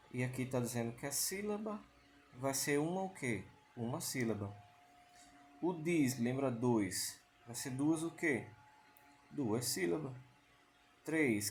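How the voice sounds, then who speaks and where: Male teacher, mid pitch, patient and repetitive; faint room noise. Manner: patient, repeats key points with rhetorical questions. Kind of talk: explanatory online lesson.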